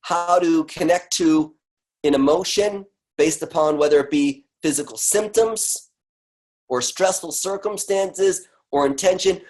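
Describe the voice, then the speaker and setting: A middle-aged man leads a webinar lesson and walks listeners through a guided exercise. His delivery is animated, jumping from loud emphatic bursts down to near-murmurs. He repeats key phrases several times. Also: fairly high pitch, measured pace. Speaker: webinar teacher.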